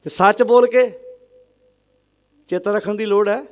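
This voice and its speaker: High-voiced emphatic male preacher. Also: fairly even intonation. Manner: emphatic, with rhetorical questions and calls for the congregation to answer aloud; chants scripture lines slowly. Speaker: Sikh religious preacher. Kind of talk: sermon addressing a congregation.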